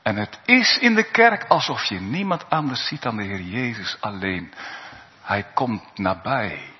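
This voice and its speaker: A man preaches slowly and deliberately, his pitch leaping high and dropping low. The recording is muffled and lo-fi, and a long reverb trails every phrase in the church. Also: very animated. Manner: earnest preaching, swinging from soaring high cries to hushed low tones. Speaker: pastor. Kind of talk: sermon.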